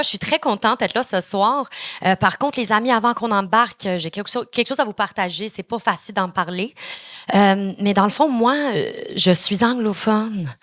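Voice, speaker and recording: A young woman with a Quebec French accent doing an energetic, chatty stand-up set, swearing casually. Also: medium pitch, no room sound. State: a little nervous. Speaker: stand-up comedian. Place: comedy club stage before an audience.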